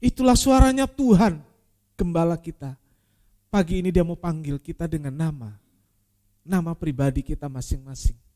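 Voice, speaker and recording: A man preaching a sermon as pastor, repeating key phrases and swinging from loud emphasis to quiet, intimate asides. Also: on the high side, moderate pace, long pauses.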